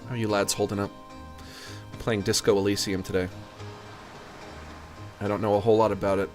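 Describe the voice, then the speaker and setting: A man's voice: fairly low pitch, flat delivery, brisk. Chatty streamer guy, jokes at himself, hissy harsh s sounds on his mic, bit of music behind. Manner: chatty, self-mocking, jokey. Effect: harsh hissy sibilance from a bright condenser mic. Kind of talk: casual chat to a live audience. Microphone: studio condenser mic.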